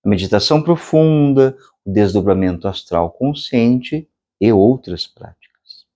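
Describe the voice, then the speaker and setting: A man with a Brazilian Portuguese accent giving a spiritual meditation lecture, speaking slowly and deliberately with long pauses and chanting drawn-out vowels. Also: lowish voice, expressive, dark tone. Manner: slow, measured delivery with long pauses. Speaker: meditation instructor.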